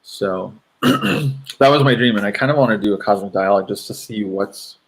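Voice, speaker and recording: Man, fairly low voice, casual storytelling, hesitant, lots of ums. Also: normal speed, slight background noise. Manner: rambling, hesitant with many fillers. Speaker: podcast co-host. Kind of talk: casual dream recounting.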